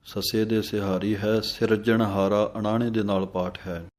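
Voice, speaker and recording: Slow, low-voiced man teaching scripture recitation. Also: level tone, darkish tone. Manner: slow, measured chanting of scripture lines, then explaining each word. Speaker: Gurbani pronunciation teacher. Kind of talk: slow recitation lesson with pronunciation notes.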